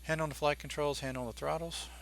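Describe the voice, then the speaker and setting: A man's voice: a little high, steady tone, fast, gravelly, fairly bright tone, a little hiss or hum. A man giving casual, think-aloud commentary as the pilot in a flight simulator game. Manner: informal, thinking aloud while flying.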